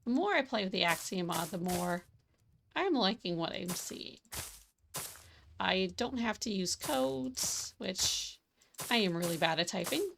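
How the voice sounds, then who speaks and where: A woman streaming a building game, chatting and thinking aloud as she works, a little hoarse from losing her voice. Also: mid-range voice, animated, unhurried, a bit bright, slight background noise. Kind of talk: casual gaming livestream commentary.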